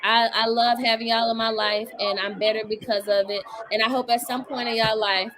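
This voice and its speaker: Hosting a live online audience, a woman talks in a casual, emphatic way with jokes on the side. She speaks fairly quickly in a higher, slightly bright voice with flat delivery, and the recording quality is low.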